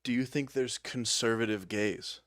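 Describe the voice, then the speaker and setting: A young man trading banter on a casual podcast, jumping in with quick agreements and crude jokes. The recording is dry and close to the mic. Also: medium pitch, a bit bright, no echo. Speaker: podcast co-host. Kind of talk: casual chat.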